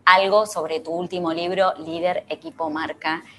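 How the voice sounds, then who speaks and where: A woman hosts the interview with a fairly low voice. She reads out viewer questions and answers the guest with short affirmations. A faint hiss sits behind her. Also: steady tone, normal speed, pushed and bright. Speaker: host. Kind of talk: interview hosting.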